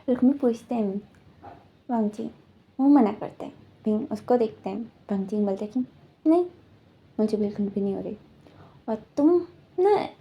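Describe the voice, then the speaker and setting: A woman's voice: on the high side, creaky. A woman casually retelling a story, rambling along with frequent fillers and restarts. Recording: dull lo-fi recording.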